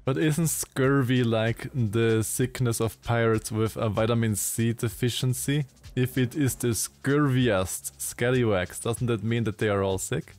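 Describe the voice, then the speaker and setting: A man casually commentating a game live, giggly and halting with frequent ums. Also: mid-range voice, fairly even intonation, darkish tone, soft background music. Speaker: streamer.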